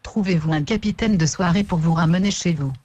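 A woman's voice: lowish voice, fairly quick, darkish tone. A synthetic woman's voice as a virtual assistant, giving replies in a sepulchral tone.

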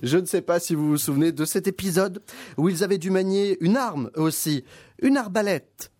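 A man's voice: high voice, moderate pace, darkish tone, slight background noise. A man giving a comic TV column on the radio, with a wry, mocking way of talking into a studio microphone.

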